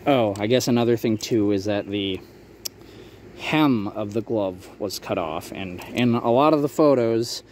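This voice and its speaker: A man giving a casual, explanatory product showcase for a video, talking in a halting, hedging way. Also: on the low side, a little mellow. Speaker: maker showing a handmade prop replica for sale. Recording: clear background ambient noise.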